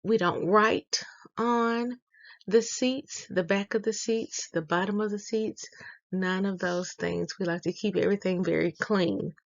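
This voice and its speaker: Woman school announcer, measured teacherly delivery for kids, unhurried, slightly muffled recording. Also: mid-range voice, steady tone, vocal fry. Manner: slow, deliberate, explaining rules to children.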